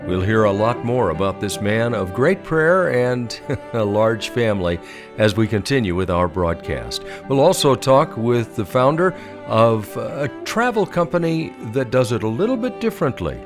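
A man announcing a radio broadcast in a smooth, expressive scripted delivery. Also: medium pitch, normal speed, over music.

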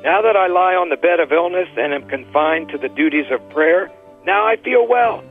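A man with a fairly high voice talks and reads aloud on a radio show, with animated emphasis. The sound is narrow and phone-like, with faint music in the background. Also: moderate pace. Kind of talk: radio chat and reading aloud.

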